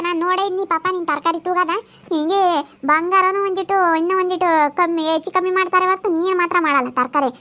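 A woman's voice: very high voice, sharp tone, muffled recording. A woman playing a scolding village woman, haggling over vegetable prices. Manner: nagging, rapid-fire scolding. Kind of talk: comedy sketch acting.

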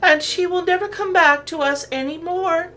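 A woman voicing a small, polite young male rabbit in a very high, squeaky little voice. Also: normal speed, pushed and bright, soft background music. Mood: pleading.

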